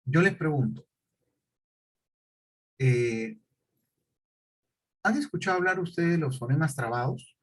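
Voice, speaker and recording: A man with a slightly high, husky voice lectures to a class. He explains step by step at a deliberate pace, pausing to ask his students whether they follow. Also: animated, rough recording. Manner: questioning, repetitive explanations with check-ins. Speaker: teacher.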